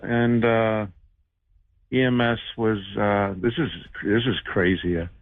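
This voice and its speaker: Male caller, fifties. Fairly deep register, casual and halting delivery, narrow telephone audio. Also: no echo. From United States. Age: 50s. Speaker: radio show call-in guest, shoemaker. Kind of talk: casual personal storytelling. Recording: muffled band-limited phone call.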